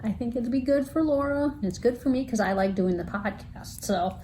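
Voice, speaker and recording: A woman co-hosting a podcast, chatting in an animated, teasing way and laughing often. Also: fairly high pitch, moderate pace, slight background noise. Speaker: podcast co-host. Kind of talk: casual chat.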